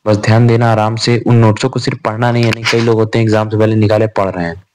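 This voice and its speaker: A man's voice: on the low side, flat delivery, fast, background noise. A young man giving an informal revision lecture on grammar. He talks in a chatty way, calls the students "bhai", and asks and answers his own questions. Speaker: Sanskrit grammar tutor.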